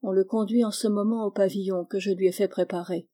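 A woman reading the part of a composed male doctor who explains things in a measured, reassuring way. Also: medium pitch, steady tone, warm tone, lightly acted.

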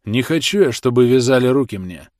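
A defiant peasant man hurling slow, heavy accusations in a raised voice, as a male narrator voices him. Every word sounds forceful and close, with a dry sound and no room echo. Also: medium pitch, expressive, close to an everyday voice. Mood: stubborn.

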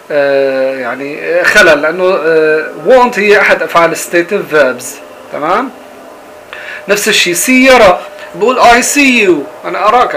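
Male language teacher, patient and repetitive, mixes with English examples, slightly raised pitch, faint background noise. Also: fairly bright tone, low-quality recording. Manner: explains patiently, switches between Arabic and English examples, repeats key words. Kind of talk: recorded grammar lesson.

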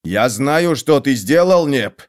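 A man voicing a hot-tempered male soldier who scolds loudly and indignantly, a bit higher than his own voice. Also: animated, slow pace.

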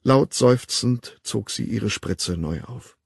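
A man narrating an audiobook in an expressive, measured storytelling manner, close to the mic. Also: medium pitch, gravelly, breathy edge, no echo.

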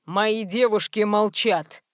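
A woman voicing a rude, menacing young male thug in an audiobook, with a slow, low, threatening drawl. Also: no echo, studio quality, lightly acted. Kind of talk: audiobook reading.

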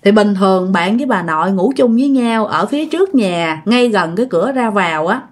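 A woman telling a ghost story in a chatty, expressive way, talking straight to her listeners. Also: mid-range voice, brisk. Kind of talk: casual ghost story narration.

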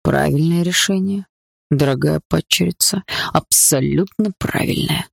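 A woman's voice: deep voice, measured pace, creaky, no echo, clean studio sound, heavily acted. A woman doing a cold, mocking stepfather villain. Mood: taunting. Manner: mocking and falsely gentle. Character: cruel, coldly calm stepfather.

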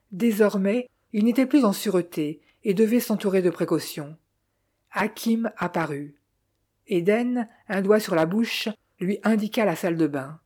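A woman reads a novel aloud as its narrator, steady and measured. Her voice is mellow and warm, at an ordinary pitch. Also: husky. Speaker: audiobook narrator. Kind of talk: scripted narration.

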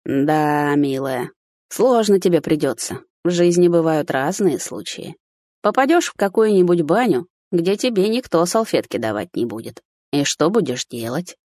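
A woman voicing a sly, mocking older man who talks slowly and teasingly, in a first-person audiobook. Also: deep voice, lively intonation, darkish tone, no echo, clean studio sound. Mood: coaxing. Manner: slow, drawling, teasing.

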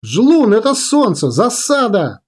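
A man voicing a young woman pilot commander who shouts urgent orders over the radio in an audiobook. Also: a little high, lively intonation, a little slow. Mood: urgent commanding.

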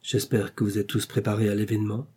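Guy doing a smug courtly wit, dry irony, low husky tone. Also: level tone, fast, darkish tone. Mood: ironic. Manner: ironic, courtly. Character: witty, mocking man of society.

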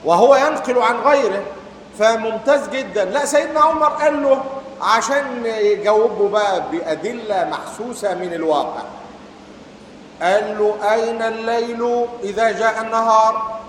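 A man's voice: sits high, moderate pace. A man with an Egyptian accent giving a lecture, quizzing his students and reciting verses. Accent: Egyptian Arabic. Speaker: teacher. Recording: echoey hall, faint background hiss.

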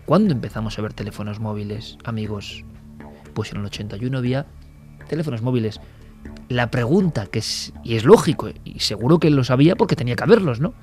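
A man's voice: medium pitch, a little mellow. Guy hosting radio, talks big and emphatic, asks listeners stuff, faint music under it. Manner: emphatic, rhetorical, addresses listeners as friends. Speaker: radio host. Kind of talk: late-night radio talk.

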